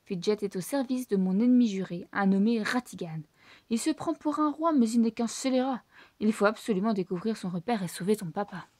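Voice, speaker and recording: A woman voicing a clever, excitable male mouse detective with a brisk, self-assured manner, in a storybook reading. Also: mid-range voice, no room sound, close to an everyday voice. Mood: confident.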